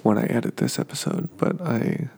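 Recording in his kitchen at home, an allergy-stricken, sniffly sleep-podcast host describes his surroundings slowly and meanderingly, stumbling through plenty of fillers. He speaks at a medium pitch with vocal fry and a darkish, husky tone.

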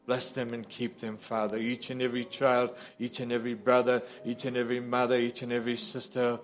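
Over soft background music, a man with a mid-range voice prays fervently and without a script for his congregation, speaking fairly quickly and in a monotone. His short, repeated pleas are interspersed with addresses to God, swelling from quiet to loud and impassioned before easing off.

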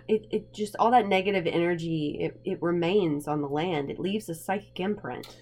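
A woman's voice: lowish voice, normal speed, darkish tone. A woman co-hosting a podcast, chatting casually about ghosts. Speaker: podcast co-host. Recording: clear background noise with hum.

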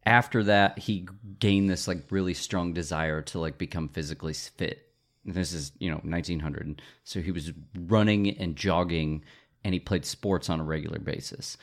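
Man, very low voice, casual podcast storyteller, spells out names, laughs a lot. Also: steady tone, moderate pace. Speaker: podcast co-host telling a story. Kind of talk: casual chat.

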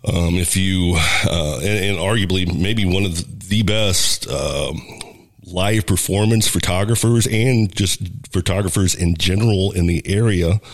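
A man's voice: deep voice, measured pace. A radio host with a stuffy, nasal voice from a cold, chatting casually and filling gaps with ums as he introduces his guest. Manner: relaxed, lots of ums and uhs. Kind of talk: casual interview chat.

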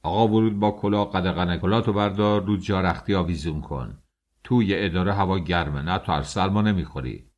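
A man voicing a gruff, scolding mustached male doorman at a government office in an audiobook. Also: low-pitched, darkish tone, dull audio, lightly acted. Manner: barking, scolding.

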